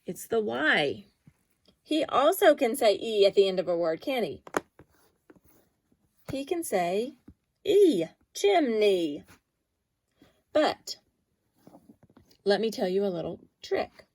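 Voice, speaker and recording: A woman's voice: mid-range voice, very animated, no room sound. Patient woman teaching phonics. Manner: patient, sounding out letters slowly. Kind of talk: phonics lesson for children.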